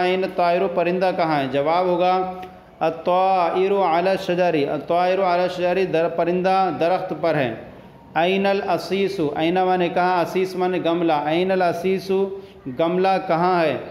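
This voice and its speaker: A man's voice: high-pitched, darkish tone, roomy sound. A man teaching an Arabic grammar lesson, repeating each phrase and translating it step by step. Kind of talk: classroom lesson explaining Arabic in Urdu.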